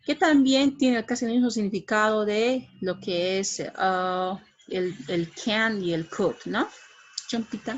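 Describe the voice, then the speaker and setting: A woman's voice: mid-range voice, slow pace, dull audio. A middle-aged woman giving an English grammar lesson, explaining patiently and checking in with frequent tag questions. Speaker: English teacher.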